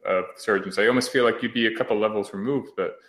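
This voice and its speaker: Halting male podcast host. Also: on the low side, fairly even intonation, background noise. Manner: halting, repeats words while framing questions. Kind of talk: podcast interview.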